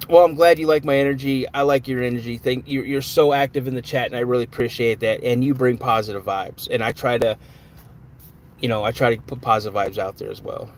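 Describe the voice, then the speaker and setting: Guy chatting on a livestream, mid-pitch voice, greets chat by name, faint hum behind. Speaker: live-stream host. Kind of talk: casual live chat, reading viewer comments.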